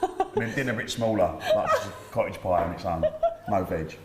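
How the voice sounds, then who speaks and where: A man with a Cockney accent, a market trader chatting in an interview, cheeky and laughing, with booming market calls. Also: huge pitch swings, a little fast, reverberant, over a noisy crowd. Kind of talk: casual interview.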